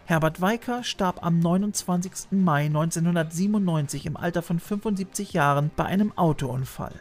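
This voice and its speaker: Soft music plays behind a man whose voice is a little high and whose pace runs a little fast. As host of a retro TV channel, this thirties-something narrates a scripted, informative piece on voice actors, dropping in chatty, playful asides. He records on a boom-arm studio mic inside a small, shelf-lined room full of videos and toys.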